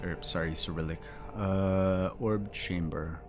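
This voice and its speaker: A man's voice: deep voice, steady tone, slow. A man giving casual commentary as he plays a game, muttering to himself with playful asides. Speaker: gamer doing a playthrough. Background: game music.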